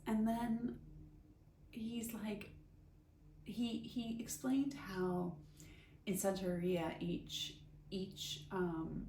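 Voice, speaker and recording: This vlogger and storyteller in her forties speaks with a mellow voice on the low side. She recounts something personal, candid and emphatic in a chatty style, while roomy echo and faint background noise fill the recording.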